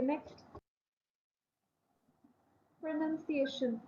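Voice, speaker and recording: A woman teaching a university English class. She speaks slowly through her examples, repeats key words for emphasis, and hurries through her explanations. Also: high-pitched, lo-fi sound, slight background noise. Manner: slow, careful example sentences, then quick explanatory asides. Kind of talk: classroom lecture.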